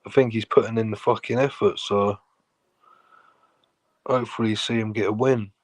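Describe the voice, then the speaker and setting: A man's voice: lowish voice, fairly even intonation, normal speed. A man chatting casually on a podcast, laid-back and swearing freely as he predicts arm-wrestling matches. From England. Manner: laid-back, swears freely, says "you know what I mean".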